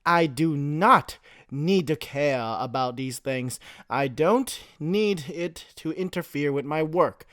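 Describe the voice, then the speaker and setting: A man voicing a calm, stern man who speaks in a monotone while reading a fanfiction story aloud. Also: fairly high pitch, takes it slowly, dry recording, clean studio sound. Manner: flat, composed.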